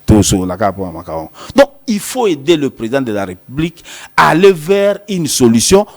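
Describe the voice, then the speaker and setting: A man's voice: mid-range voice, very animated, normal speed, darkish tone. A man, a lawyer from Congo with a Congolese French accent, arguing politics on a talk show and switching between French and Lingala with many restarts. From Democratic Republic of the Congo.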